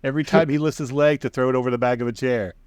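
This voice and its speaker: A man's voice: medium pitch, steady tone, very fast, a little mellow, clear, resonant tone, no room sound, clean studio sound. A man co-hosting a casual review podcast, joking and laughing often. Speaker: podcast co-host. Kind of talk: casual chat.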